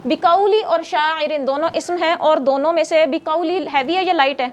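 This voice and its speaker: A woman's voice: extremely high pitch, highs cut off. A woman teaching a grammar class who explains step by step, quizzes her students and scolds them when they get noisy.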